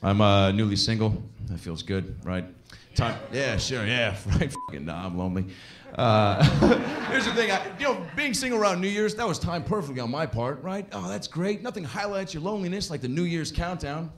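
A man's voice: a little high, sing-song, normal speed, few pauses, slight background noise. A man doing a stand-up comedy set on a club stage into a handheld mic, crude and self-deprecating, laughing at his own jokes, with crowd laughter heard.

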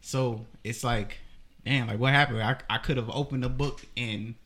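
A man on a podcast telling a story from his childhood in a casual, unhurried way, with lots of ums. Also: mid-range voice, fairly even intonation, a bit bright. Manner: unhurried, hesitant with many ums. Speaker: podcast co-host.

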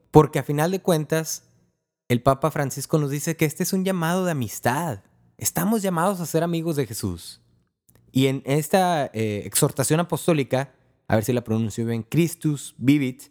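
A man giving a casual spiritual talk, speaking in a relaxed, conversational way and acting out small prayers and dialogues. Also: on the high side.

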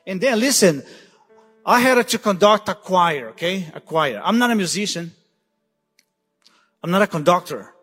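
High-voiced guest preacher, hall reverb. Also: male voice, lively intonation, normal speed, long pauses, a bit bright, husky, faint music behind. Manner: urgent, repeats "listen" to drive points home. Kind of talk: sermon. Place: church sanctuary. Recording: long church hall reverb.

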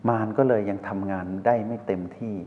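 A man giving a slow, measured dharma talk as a spiritual teacher, posing rhetorical questions to listeners. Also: on the low side, fairly even intonation, a little hiss or hum. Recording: reverberant hall over a tinny phone-like line.

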